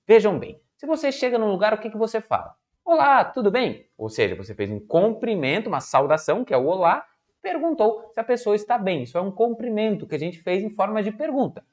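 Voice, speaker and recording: Animated woman teaching kids. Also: mid-range voice, fast talker, highs cut off. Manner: animated, asks questions and acts out little dialogues. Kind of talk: lively lesson to children.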